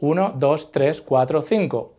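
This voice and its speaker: Higher-voiced male teacher. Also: warm tone. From Madrid, Spain. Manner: slow, deliberate model phrases, prompting the learner to repeat. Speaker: language teacher. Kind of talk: scripted language lesson.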